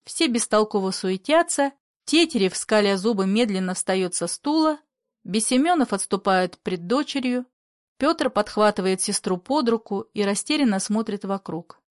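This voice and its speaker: A woman reading the stage directions of a play in a plain, even way. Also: mid-range voice, normal speed, dry recording, studio quality. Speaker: reader.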